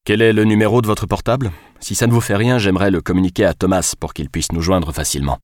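A man doing a firm, hurried investigator. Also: low-pitched, steady tone, darkish tone, no room sound, clean studio sound, pitched above the performer's own voice, natural voice. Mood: commanding. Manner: firm, commanding.

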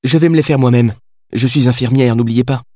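A man reading the part of a spirited, impulsive young woman who answers in quick, teasing retorts. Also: medium pitch, dark tone, dry recording, studio quality, pitched above the performer's own voice, lightly acted. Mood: cheeky. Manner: quick, teasing, triumphant replies.

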